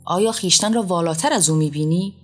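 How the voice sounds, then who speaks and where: Woman reader plays a wrathful enthroned male deity; loud, commanding, shouted lines. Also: fairly low pitch, breathy edge, faint music behind. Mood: furious.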